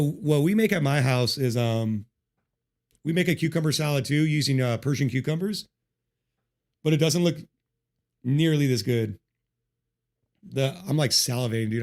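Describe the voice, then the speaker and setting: A man chatting casually with his livestream chat while playing a game, joking and swearing a lot, speaking into a desk mic. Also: mid-range voice. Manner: profane, joking, greets chat. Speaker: livestream gamer. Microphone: desk mic with noise removal.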